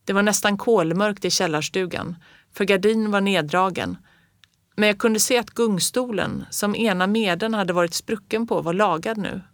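A woman narrating a children's story aloud in a lively, expressive way. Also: mid-range voice, no room sound, clean studio sound.

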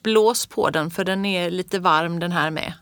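A woman reading the part of a brisk, firm old grandmother who is kind underneath. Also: fairly low pitch, fairly bright tone, dry recording, studio quality. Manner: brisk, scolding.

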